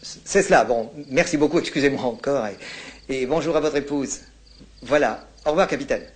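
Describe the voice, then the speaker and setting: Male actor as a composed colonial captain, polite, unhurried, formal on the phone. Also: mid-range voice, natural voice. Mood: calm. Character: composed French colonial captain, courteous and detached. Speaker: army captain. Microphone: telephone call.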